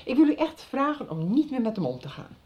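An actress in a 1990s radio drama plays an anxious, disapproving middle-aged mother of a teenage boy, sounding worried and reproachful. Her voice sits high, brisk and sing-song with a darkish tone, and she is firm yet hesitant and evasive. The radio drama recording is slightly dull.

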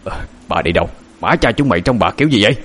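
A man voicing a harsh, cruel old male landlord in a spoken horror story, gruff and scolding. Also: on the low side, expressive, fast talker, a bit bright. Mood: angry.

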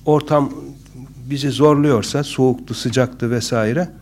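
A man's voice: medium pitch, fairly even intonation, unhurried, darkish tone. A man giving a casual, instructive talk on public speaking, conversational and joking, with frequent hesitant fillers. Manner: conversational, with humorous asides and many hesitant fillers.

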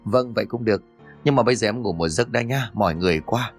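A man's voice: on the low side, quick pace, breathy edge, faint music behind. A man voicing an easygoing young man in a horror audio story, casual and polite with his elders.

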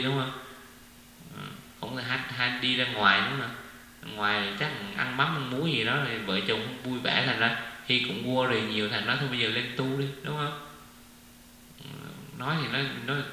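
A man's voice: mid-range voice, pushed and bright. A man giving an informal Buddhist dharma talk, chatty, often asking his listeners "right?" and mixing in English words. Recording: echoey hall with faint hum.

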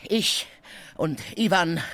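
Tarantjew, a blustering, bullying lout. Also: male voice, a little high, lively intonation, takes it slowly, full character voice. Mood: shouting. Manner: blustering, insulting, shouting. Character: coarse bullying middle-aged man, loud and scheming. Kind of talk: radio drama acting.

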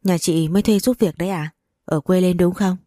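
A woman's voice: lowish voice, steady tone, brisk, mellow, no echo, studio quality, close to an everyday voice. A woman voicing a nosy, blunt young neighbor asking questions. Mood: curious.

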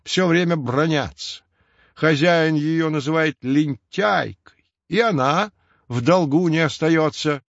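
A man's voice: a little high, takes it slowly, no room sound, lo-fi sound, pitched above the performer's own voice. A man voicing a ginger mustached tomcat who tells stories, talking solemnly and sighing over his troubles.

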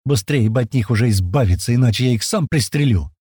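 A grumbling man vents, fed up and sarcastic, as a narrator reads him. His voice moves lively up and down, close and dry. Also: mid-range voice, quick pace, slightly rough, no room sound. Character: irritated man griping about clients.

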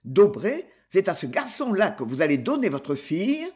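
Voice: medium pitch, very animated, normal speed, a little mellow, natural voice. Reader playing a stern old colonel, clipped and indignant, audiobook. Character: stern old male colonel, quick to anger. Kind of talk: audiobook character reading.

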